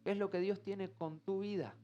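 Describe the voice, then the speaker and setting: A man with an Argentine Spanish accent preaching an expressive live church sermon. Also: sits high, normal speed, muffled recording. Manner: expressive, acts out everyday voices. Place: church service.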